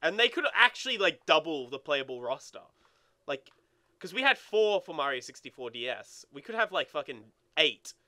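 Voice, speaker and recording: A young man co-hosts a video game let's play, chatting casually at normal speed in a fairly high voice. He's excitable and sweary, often repeating words as he warms up.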